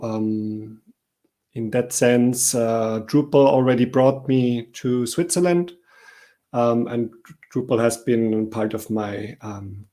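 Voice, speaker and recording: A man from Austria giving a talk at an online meetup, relaxed and speaking with frequent ums and uhs, over a video call. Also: mid-range voice. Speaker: conference speaker.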